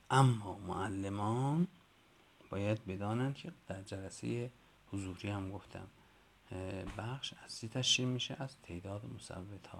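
A man with a lowish, gravelly voice giving an instructional talk to teachers. He is patient and methodical, sounding out letters one by one and repeating lists of sounds. A faint hum of room noise sits behind him. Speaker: teacher trainer.

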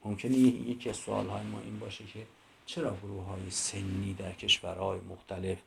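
A man giving a lecture, stressing and repeating the key points and reading children's poems aloud slowly. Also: on the low side, flat delivery, vocal fry, a little hiss or hum. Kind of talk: university lecture.

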